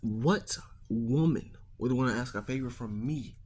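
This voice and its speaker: A man's voice: mid-range voice, measured pace, a little mellow, husky. A man doing a petty, grumpy young man. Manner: blunt, profane, irritable.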